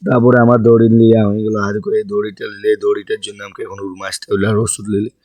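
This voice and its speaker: A hoarse man with a Purulia Bengali accent, narrating his day in a rambling, repetitive vlog voice. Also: on the low side, flat delivery, racing, darkish tone, faint music behind. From West Bengal. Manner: rambling, repeats "একদম" and "সেই লেভেলের". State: hoarse, sore throat. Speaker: vlogger.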